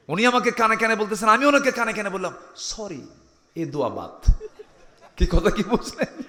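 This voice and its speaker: A high-voiced male preacher with a bright, forceful tone, his pitch swinging up and down as he jokes with the crowd and demands louder replies. His voice runs through a stage microphone and rings with the long reverb of a large gathering. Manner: animated, calls out to the crowd and demands louder answers; jokes and acts out quoted people. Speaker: Islamic preacher. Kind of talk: Bengali waz sermon to a live crowd. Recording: long reverb from a big venue.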